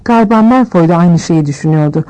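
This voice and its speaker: A woman reading a novel aloud as scripted narration, shifting her pitch a little for each character. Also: expressive, quick pace, warm tone, rough recording. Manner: reads all characters with small pitch shifts. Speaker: audiobook reader.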